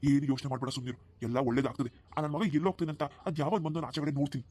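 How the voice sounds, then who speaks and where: A man's voice: a little high, very fast, darkish tone, close to an everyday voice. A man voicing an older village father-in-law in a cartoon, who scolds his son and coaxes his daughter-in-law. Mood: coaxing. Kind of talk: cartoon dubbing.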